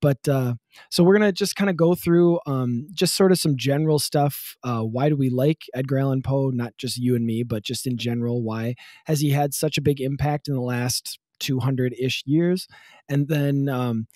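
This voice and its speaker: Man, podcast host, mid-pitched, dry studio sound, teasing and joking. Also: normal speed, a little mellow, no room sound. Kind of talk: casual chat.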